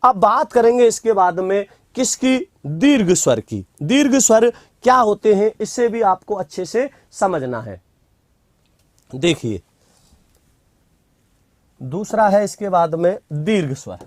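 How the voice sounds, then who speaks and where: Slow, dictating grammar teacher. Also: mid-range voice, lively intonation, no room sound. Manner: asks rhetorical questions and answers them; dictates notes slowly, repeating phrases. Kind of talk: classroom grammar lecture.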